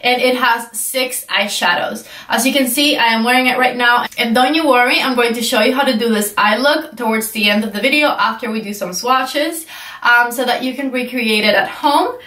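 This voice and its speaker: A young beauty vlogger reviews makeup in a chatty, enthusiastic way, filling her talk with "like," her voice stuffy and congested from a cold. Her fairly high voice is pushed and bright at normal speed, recorded a bit far from the mic with roomy echo in an indoor room with shelves.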